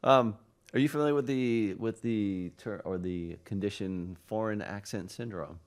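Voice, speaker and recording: A man with a fairly low voice hosting a relaxed interview. He asks playful, jokey questions in a teasing way. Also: normal speed. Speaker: podcast host. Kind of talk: casual interview.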